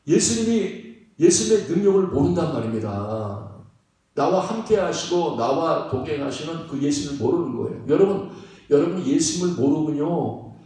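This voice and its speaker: A man's voice: on the high side, warm tone. A male pastor preaching a sermon, conversational and emphatic, often asking the congregation rhetorical questions. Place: church sanctuary. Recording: echoey church sanctuary, distant mic.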